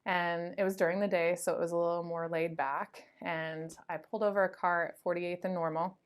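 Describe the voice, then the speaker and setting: A woman in her late thirties, a sheriff's deputy, chats through her stories in a relaxed interview. Her voice sits a little low, and she fills her talk with "like" and "um". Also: fairly quick, clear, resonant tone. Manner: chatty, lively anecdotes with frequent "like" and "um". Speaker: school resource officer, deputy. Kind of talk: casual interview storytelling.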